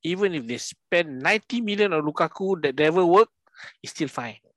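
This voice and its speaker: A man's voice: fairly high pitch, animated, fairly quick, no echo, clean studio sound. A man with a Singaporean or Malaysian accent joins casual sports banter in clipped colloquial slang English, interjecting and correcting his friends.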